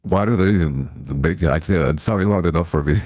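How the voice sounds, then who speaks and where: A man's voice pushed very low by a pitch-shifting voice changer, which gives it a heavy, processed depth. He chats loosely and reacts aloud as he plays, with the sound dry and close. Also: a little slow, a little mellow, no echo. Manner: chatty, reacts aloud to the game. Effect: deep pitch-shifting voice changer. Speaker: live streamer. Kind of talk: casual gameplay commentary.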